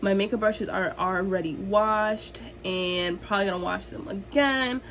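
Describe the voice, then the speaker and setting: A young woman chats to her camera in a bubbly, gushing sorority-girl way, stretching words for emphasis. Her mid-pitched voice often drops into a creaky fry. It is a casual home recording with faint noise behind her. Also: unhurried, fairly bright tone. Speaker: vlogger. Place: indoors in a room at home.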